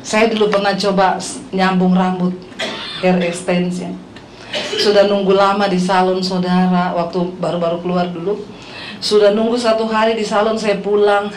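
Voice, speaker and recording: A middle-aged woman pastor with an Indonesian accent, preaching a lively, humorous sermon full of stories and questions to the congregation. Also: fairly low pitch. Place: church hall. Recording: echoey hall with faint noise.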